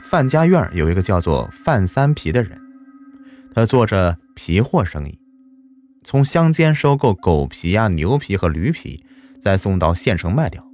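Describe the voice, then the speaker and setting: Male storyteller for a folk-tale audiobook; expressive, animated delivery with wide pitch movement, over faint music.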